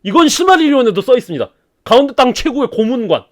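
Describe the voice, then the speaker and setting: A man with a notably high, very lively voice casually retells a fantasy legend. He is slangy and conversational, jumping in and out of character voices as he tells it. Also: quick pace. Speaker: story YouTuber.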